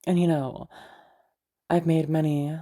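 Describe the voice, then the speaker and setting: In an intimate, one-sided roleplay audio drama, a woman plays a teasing, flirtatious, unhinged patient making a wistful confession to her doctor. Her deep voice is flat and dark as she rambles hesitantly, with many pauses and hums.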